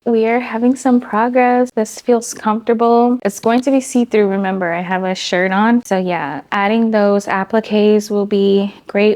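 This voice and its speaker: A woman's voice: mid-range voice, darkish tone. A young woman talking casually in a sewing vlog, chatty and rambling, tired and a little out of breath. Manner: chatty and rambling, lots of "like" and "so yeah". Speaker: sewing vlogger.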